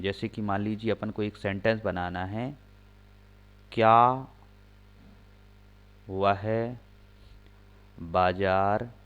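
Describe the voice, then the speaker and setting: A man teaching English grammar, slowly spelling out example sentences word by word and asking questions he answers himself. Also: fairly low pitch. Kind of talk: classroom-style explaining lesson. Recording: slightly dull lo-fi recording.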